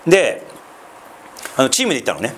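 Man preaching with a very lively, swooping pitch. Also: quick pace, slight background noise. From Sendai, northeastern Japan. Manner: chatty, with many asides and tag questions. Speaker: pastor. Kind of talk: conversational sermon.

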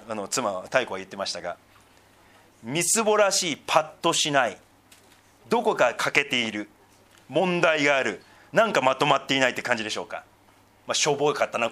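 Preaching in a medium-pitched voice, this middle-aged pastor shifts back and forth between loud, emphatic stretches and quiet, murmured asides.

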